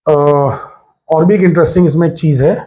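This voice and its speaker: A man, a physics teacher talking his students through a lesson. His voice sits a little high for a man, and his delivery is loose and chatty, repeating key words over and over. He mixes English phrases into his explanations. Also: fairly quick, mellow. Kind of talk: casual board exam lecture.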